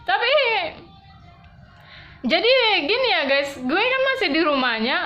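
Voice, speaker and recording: A woman vlogger casually telling a personal story to camera in slangy, animated speech, with quick swings in emotion. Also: very high-pitched, dull audio.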